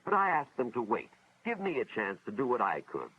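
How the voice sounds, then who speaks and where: An American man takes on the part of an earnest school official, narrating a 1950s educational film with dramatic moralizing. His medium-pitched voice swings hugely in pitch and runs a little fast, with slight background noise, over a dull vintage soundtrack with music.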